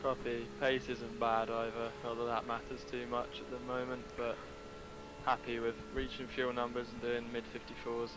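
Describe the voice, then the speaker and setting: A man's voice: medium pitch, completely flat delivery, moderate pace, noisy background. A man giving brief, practical driver feedback to his team during a race. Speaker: sim racing driver on team voice chat.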